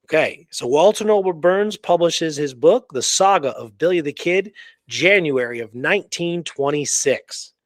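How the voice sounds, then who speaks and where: With a fairly high, lively voice at a measured pace, a man co-hosts a casual history podcast and reads some passages aloud. He speaks emphatically and keeps checking in with "right?", and there's no echo.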